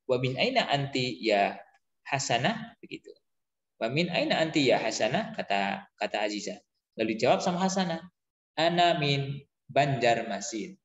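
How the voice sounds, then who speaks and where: A man teaching an Arabic lesson to a class, chatty and relaxed, asking pupils questions and repeating phrases slowly. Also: a little high, roomy sound, long reverb tail, lo-fi sound. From East Java.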